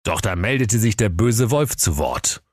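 Deep-voiced man reading a comic tale. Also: lively intonation, unhurried, no room sound. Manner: dry, playful storytelling. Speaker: narrator. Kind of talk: comic fairy-tale narration.

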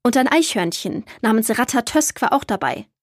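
A woman's voice: a little high, expressive, moderate pace, no room sound, clean studio sound. A woman voicing a jovial old grandfather. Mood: kindly.

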